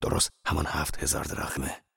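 Man voicing old laborer, fierce, growling, blunt, low, dry. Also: level tone, vocal fry, pushed and bright, breathy edge, dry recording, heavily acted. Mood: gruff. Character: gruff fierce old Greek laborer, quick-tempered.

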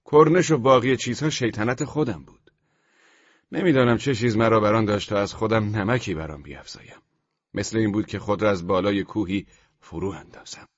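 Male audiobook narrator, husky tone, close dry sound. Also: mid-range voice, no echo, highs cut off. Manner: measured storytelling, with the dialogue lines acted out loudly. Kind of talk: scripted literary narration.

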